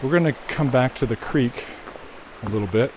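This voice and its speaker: A man walking a snowy trail outdoors and chatting casually to his viewers, relaxed and musing, with a mic on the camera. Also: medium pitch, normal speed. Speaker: walking video host. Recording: outdoor recording with stream noise.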